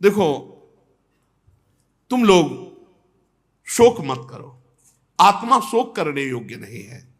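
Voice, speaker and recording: High-voiced male preacher giving a devotional discourse. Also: big pitch swings, slow, long pauses. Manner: storytelling with sudden rises and drops in pitch. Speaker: spiritual preacher.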